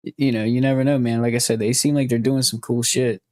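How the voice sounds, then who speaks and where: A man's voice: medium pitch, steady tone, quick pace, darkish tone, no echo. A man talking casually on a podcast, loose and profane, cracking jokes as he goes. His voice sits in a middling range, and it's recorded close and dry, with no room sound around it. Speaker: podcast host. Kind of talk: casual chat.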